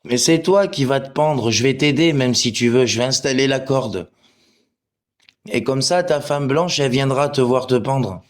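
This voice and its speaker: A Portuguese man on a livestream replies to commenters, arguing crudely and abusively and swearing freely. His pitch is medium and he talks at a normal speed.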